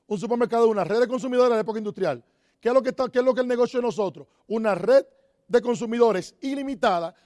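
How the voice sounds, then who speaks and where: A man's voice: high voice, a little mellow, dry recording, clean studio sound. A man giving a motivational talk on network marketing, asking the audience rhetorical questions and repeating key phrases. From Dominican Republic.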